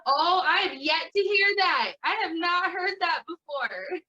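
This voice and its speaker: Young female guest, high bright voice, eager quick reactions. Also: expressive, muffled recording. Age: young adult. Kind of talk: casual chat.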